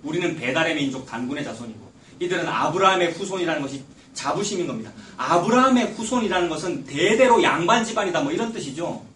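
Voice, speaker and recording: Brief: male pastor mid-sermon, fairly high voice, emphatic, heard from afar in a roomy church. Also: animated, quick pace, far from the mic, a little hiss or hum. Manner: emphatic preaching, rising loud when quoting Jesus. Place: church sanctuary. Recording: echoey church recorded from afar.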